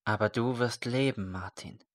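A man reading a story aloud, voicing a calm, solemn male religious leader who speaks quietly and earnestly. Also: medium pitch, normal speed, natural voice.

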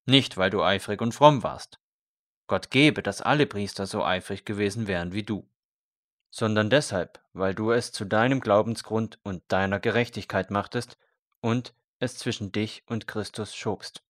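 Man as fervent male priest, earnest, intense, pleading, low voice, storybook. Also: slow pace, no echo, studio quality.

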